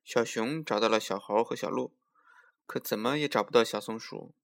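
A male storyteller reading a children's tale aloud. His voice sits at an ordinary pitch, gentle and expressive, and he slows down at times for effect. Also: gravelly. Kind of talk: children's bedtime story narration.

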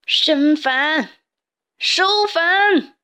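A woman voicing a crazed cormorant who bellows at the crew in a high, stretched-out voice, each order pulled slow and loud. A manic bird playing sea captain in a storybook for kids. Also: heavily acted. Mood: frenzied shouting. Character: manic male cormorant shouting like a ship captain.

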